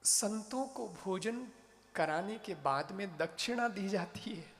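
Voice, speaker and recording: A man voicing a calm, kindly male saint who speaks patiently and coaxingly. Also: high voice, slow. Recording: reverberant hall, faint noise.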